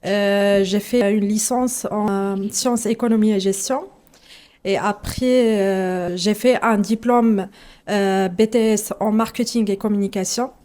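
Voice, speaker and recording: A woman's voice: medium pitch, fairly even intonation, unhurried, a little mellow. A woman from Morocco working as a communication and marketing manager, introducing herself carefully with many hesitations, in a showroom. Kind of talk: casual self-introduction. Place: kitchen showroom.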